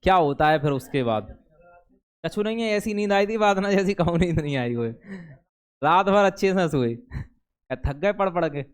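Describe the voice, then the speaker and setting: A male teacher speaks in a classroom. His voice sits high and rings clear as he chats with his students, slipping joking asides in between passages he reads aloud. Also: expressive, moderate pace. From India.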